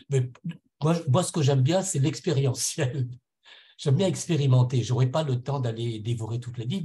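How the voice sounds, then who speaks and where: A middle-aged man from Réunion island, speaking on a conference panel, gives a personal spiritual testimony in a mid-range voice with a dark tone. He is earnest and reflective, often searching for words and repeating himself.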